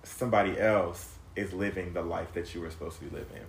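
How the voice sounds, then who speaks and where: A man in his thirties, a podcast guest, tells a painful personal story in casual conversation, rambling emotionally with many fillers, restarts, and free swearing. His voice is low and fairly quick. The room is echoey, with slight background noise.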